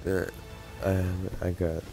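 A man's voice: low-pitched, flat delivery, slow pace, warm tone, soft background music. A young man casually talking over his online shooter gameplay, rambling and laughing often as he plays. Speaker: gaming YouTuber.

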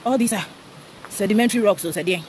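Her voice is medium-pitched, a little mellow and quick, with a bit of hiss or hum. She's a young Ghanaian English-accented vlogger hiking by a waterfall, out of breath, cheering herself on and exclaiming into a handheld camera for a casual travel vlog.

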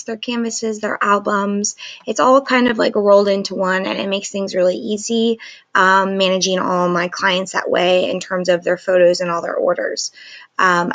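A photographer in her thirties gives a casual walkthrough and review of some software to camera, captured by screen recording with a webcam. Her voice is medium in pitch, and a sore throat makes talking painful. She stays chatty anyway, with loose phrasing and lots of "likes."

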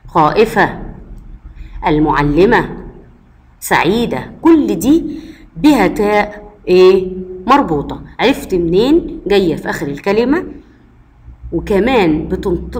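A woman's voice: medium pitch, darkish tone. A woman with an Egyptian Arabic accent, a primary school teacher giving a recorded lesson to first graders and answering her own questions patiently. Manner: patient, asks the class questions and answers them herself.

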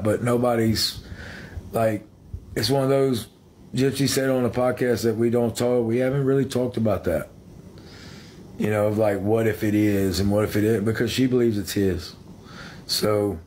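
A man's voice: on the low side, darkish tone, a little hiss or hum. A man of thirty-eight talking casually to viewers on a phone livestream from a small room. He hesitates and repeats himself as he speaks straight to the audience. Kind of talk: casual live chat. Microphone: phone held close.

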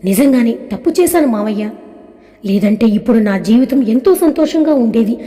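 A woman's voice: a little high, lively intonation, normal speed, mellow, in a large hall, close to an everyday voice. A woman voicing a wronged young wife who pleads with her father-in-law in a tearful tone. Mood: regretful. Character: grieving young wife, hurt but composed.

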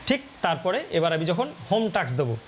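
A man with a Bengali accent explaining step by step how to teach a grammar lesson, spelling out sounds slowly. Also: sits high, very animated, background noise. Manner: slow and deliberate, spelling out sounds one by one. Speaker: teacher coaching exam candidates. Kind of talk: explaining a demo class lesson.

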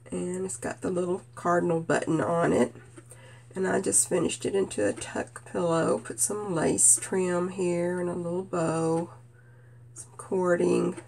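Slow, nasal woman with a cold. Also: fairly low pitch, gravelly. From Kentucky. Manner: gentle, unhurried, frequent "uh" fillers. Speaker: stitching vlogger. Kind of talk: casual show-and-tell chat.

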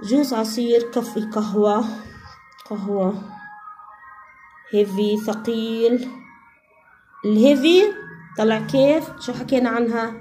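A woman with a Levantine Arabic accent teaching an English grammar lesson, slowly repeating each English word and giving its Arabic meaning. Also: fairly high pitch, fairly even intonation, dark tone, faint music behind.

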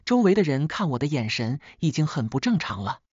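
A woman narrating a scripted first-person story in a steady, sharp-tongued way. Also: low voice, a little fast, husky, dry recording, lo-fi sound.

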